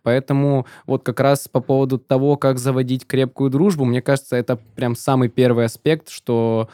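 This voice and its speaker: A twenty-one-year-old man co-hosts a casual podcast with a mellow, warm tone. He talks earnestly and thinks aloud as he goes. The recording is dry and close. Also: mid-range voice, flat delivery, moderate pace, no room sound. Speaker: podcast co-host. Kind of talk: casual studio podcast chat. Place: podcast studio.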